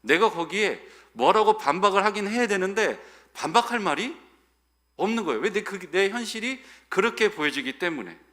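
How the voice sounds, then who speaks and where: A middle-aged man delivering a sermon as pastor, preaching expressively and swinging from loud declarations to hushed asides. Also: high voice.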